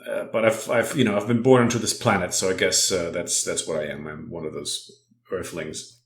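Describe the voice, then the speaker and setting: Low-voiced guest in a roomy space. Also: male voice, fairly even intonation, brisk. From Belgium and France. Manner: rambling, with many uhs and restarts. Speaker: guest, game developer. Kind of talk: casual interview chat.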